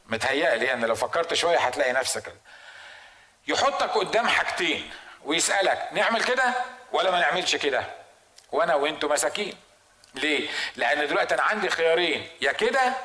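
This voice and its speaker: A man with an Egyptian Arabic accent preaches at a rapid clip in a slightly high, bright voice. He drives his points home with rhetorical questions and acted-out dilemmas. The sound carries a roomy echo. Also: sing-song. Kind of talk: sermon.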